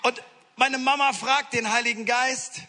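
Bright-voiced male preacher in a reverberant hall. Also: very high voice, steady tone, unhurried, a little hiss or hum. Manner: humorous anecdotal storytelling to a congregation. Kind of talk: sermon.

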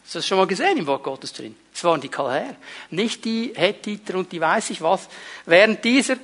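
A man's voice: high voice, animated, brisk, fairly bright tone. A man preaching a sermon to his congregation, emphatic and full of rhetorical questions. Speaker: pastor.

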